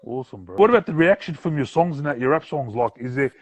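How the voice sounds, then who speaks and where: Male podcast host, broad Kiwi accent, medium-low pitch, dry close sound, loose slangy chat full of "bro". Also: expressive, fast, a little mellow, husky, dry recording. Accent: broad New Zealand. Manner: slangy, affirming, often says bro. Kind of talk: casual interview chat. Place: remote live-stream call.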